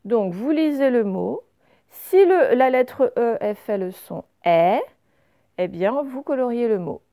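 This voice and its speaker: A woman teacher going carefully through reading exercises for young pupils, saying each word clearly before explaining it. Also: a little high, lively intonation, unhurried, warm tone. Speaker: primary school teacher.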